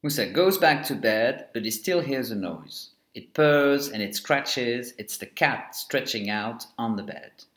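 A man narrating a children's storybook in an expressive, storytelling way. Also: mid-range voice, unhurried, hardly any pauses. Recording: echoey room.

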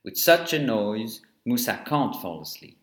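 A man reads a children's storybook aloud with a lively, sing-song lift and fall in his voice. His tone stays mid-range and even. The recording has a noticeable roomy echo around it. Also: mid-range voice, a little slow. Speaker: narrator. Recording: echoey room.

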